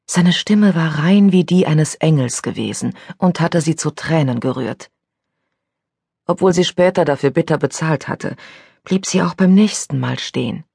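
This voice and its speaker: A woman narrating an audiobook thriller in a measured, unhurried reading style. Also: low voice, a little mellow, breathy edge, dry recording, clean studio sound. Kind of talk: scripted narration.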